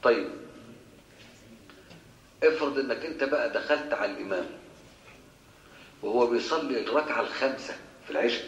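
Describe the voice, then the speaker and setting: A man's voice: mid-range voice, brisk, long pauses, reverberant, highs cut off, slight background noise. A man with an Egyptian Arabic accent, a sheikh answering worshippers' questions in a colloquial lecture, putting rhetorical questions to his listeners. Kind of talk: religious Q&A lecture. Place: mosque.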